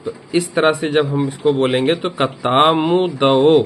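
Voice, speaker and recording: A man's voice: fairly high pitch, fairly even intonation, normal speed, a little hiss or hum. Man teaching, repeating each point. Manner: repeats points and asks the viewer questions. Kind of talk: grammar lesson explaining a memory trick.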